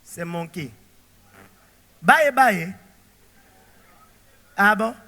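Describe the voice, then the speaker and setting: A male pastor preaching a sermon, animated and throwing rhetorical questions to the congregation. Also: sits high, extremely slow, long reverb tail.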